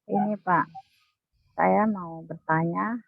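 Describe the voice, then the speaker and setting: A woman in an online class telling a personal testimony in an earnest, halting way, often repeating herself, over a video call. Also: fairly low pitch, fairly even intonation, gravelly, no echo, phone-quality sound.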